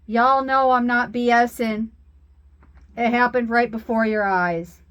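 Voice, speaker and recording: A woman working as a spiritual reader and healer, giving an oracle card reading in a slow, earnest, reassuring way. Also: on the high side, steady tone, smooth, lo-fi sound.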